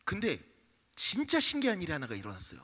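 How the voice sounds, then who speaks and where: A young male pastor preaching in an animated storytelling style, acting out scenes and voices. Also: sits high, fast talker, breathy edge. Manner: lively, acts out scenes, shouts and mimics voices. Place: church sanctuary. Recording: livestream with long hall reverb.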